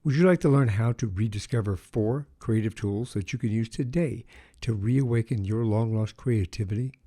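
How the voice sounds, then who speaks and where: Mellow-voiced male podcast host. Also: fairly low pitch. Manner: measured, hesitant with fillers when chatting. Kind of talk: podcast interview with scripted intro.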